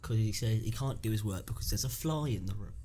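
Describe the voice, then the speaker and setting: A man's voice: on the low side, fast, slight background noise. A young man telling a school story on a casual podcast, laughing as he goes. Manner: animated, laughing through his story. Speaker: podcast co-host.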